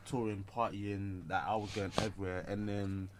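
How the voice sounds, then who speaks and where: A man's voice: on the low side, little pitch movement, normal speed, background noise. A young man with a London roadman accent, chatting casually and telling anecdotes in heavy street slang with frequent 'innit' tags. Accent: London roadman, multicultural London English. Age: young adult. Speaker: student event promoter.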